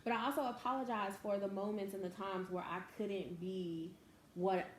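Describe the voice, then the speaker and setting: A woman's voice: medium pitch, steady tone, normal speed. A woman host and mother talking in a heartfelt, emotional way, often laughing. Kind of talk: emotional casual talk. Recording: echoey room, faint noise.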